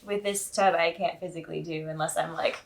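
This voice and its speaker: A woman's voice: lowish voice, fairly even intonation, brisk, creaky. A woman chatting casually as a beginner being coached, asking questions and giving brief, attentive acknowledgements.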